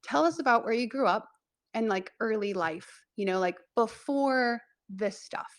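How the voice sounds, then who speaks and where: A woman hosting a casual podcast interview, warm and appreciative, laughing easily and using chatty fillers. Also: a little high, animated, a little slow.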